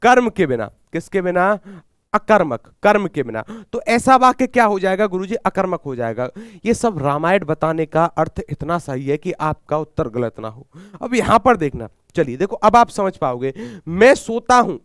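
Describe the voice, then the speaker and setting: A man with a Haryanvi accent leads a live exam-prep class in a fairly high, clean voice. He fires questions at his students and answers them himself, repeating each key term. His throat is a little sore, and the sound is dry and close. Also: very animated, normal speed, clear, resonant tone, dry recording. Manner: repeats key words, calls himself guruji. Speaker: Hindi exam teacher.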